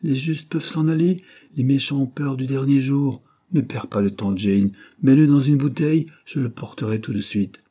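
A man voicing a kindly, selfless aging pastor who speaks earnestly and insists gently. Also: mid-range voice, moderate pace, hardly any pauses, voice pushed up, natural voice.

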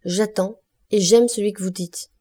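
A woman's voice: mid-range voice, fairly even intonation, measured pace, dark tone, breathy edge. A woman reading the part of a steadfast young woman in love, earnest and emphatic, in an audiobook. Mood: pleading.

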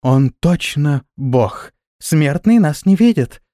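A man doing a tiny shrill fairy priestess. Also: lively intonation, slow, warm tone, no room sound, studio quality. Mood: excited. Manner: shrill, eager, bossy. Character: tiny excitable naked winged fairy girl, self-important priestess.

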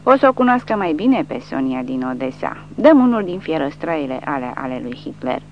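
A woman voicing a tough, furious innkeeper woman who shrieks in anger, in a dull lo-fi recording with a faint hum. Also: sing-song. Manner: shrill, furious.

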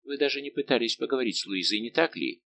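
Voicing a teasing, sharp young lady-in-waiting who fires off mocking, pointed questions, a male audiobook reader sounds expressive and quick. His mid-range voice is a bit bright, and there's no echo.

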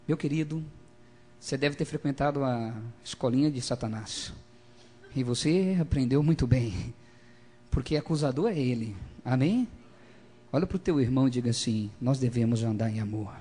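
A man preaching a lively sermon, calling for responses from the congregation and swinging between loud emphasis and quiet asides. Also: mid-range voice, moderate pace, breathy edge.

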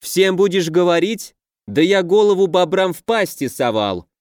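A man's voice: a little high, moderate pace, a little mellow, smooth, dry recording, studio quality, natural voice. A man reading an audiobook voices a playful young witch who teases and coaxes. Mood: taunting. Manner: teasing, coaxing, cooing.

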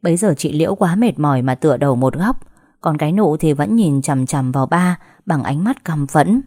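A young woman reading a dramatized audiobook story, acting out family quarrels by raising her pitch and volume. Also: animated, normal speed, mellow.

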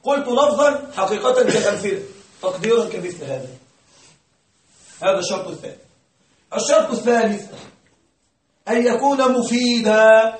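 Man lecturing a class, high voice, roomy echo, distant mic, repeats questions to students. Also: normal speed, pauses often, a little hiss or hum. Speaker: grammar teacher.

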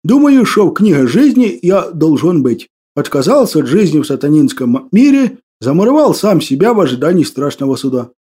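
A man's voice: on the high side, big pitch swings, normal speed, few pauses, warm tone, husky. A man doing a fervent old hermit. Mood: bewildered, fervent. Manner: old-fashioned churchly phrasing, fervent. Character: old pious hermit man, bewildered, archaic speech.

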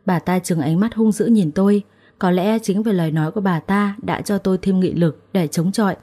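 Mellow-voiced young woman storyteller. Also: medium pitch, brisk. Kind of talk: first-person story narration.

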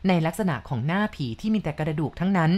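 A woman narrating a ghost story in a calm, polite and measured way. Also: lowish voice.

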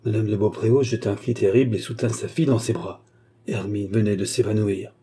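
A man reading a classic novel as an audiobook, steady and measured. His voice is dark and mellow with a husky edge. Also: on the low side. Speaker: audiobook narrator. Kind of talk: scripted narration.

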